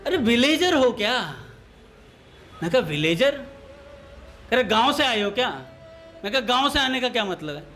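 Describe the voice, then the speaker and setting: Speaking at a normal speed with long pauses, this satsang speaker has a very high-pitched, sing-song, slightly bright voice, backed by soft music. His devotional talk mixes everyday anecdotes with a comic story of lisping brothers, whose lisps he imitates.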